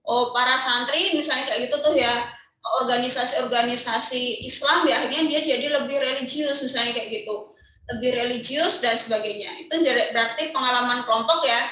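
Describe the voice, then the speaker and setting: A woman's voice: high voice, sharp tone, heavy reverb, far from the mic, low-quality recording. A woman teacher giving an online class lecture, explaining step by step and answering her own questions.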